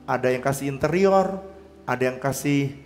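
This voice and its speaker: A man preaching a sermon as pastor, telling his story with swings between loud and soft delivery. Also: mid-range voice, normal speed. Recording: long hall reverb.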